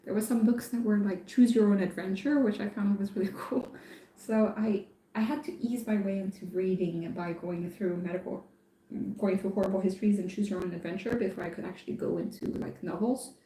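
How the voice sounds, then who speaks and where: Woman from france chatting on stream, lots of ums, mellow voice, echoey room. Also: medium pitch, a little fast. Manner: hesitant, thinking aloud with many fillers. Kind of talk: casual live-stream chat.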